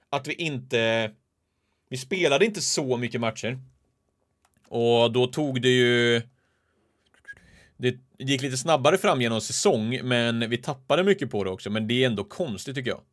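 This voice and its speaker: A man from Sweden hosting a gaming channel, giving casual play-by-play commentary that swings from calm remarks to excited shouts. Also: mid-range voice.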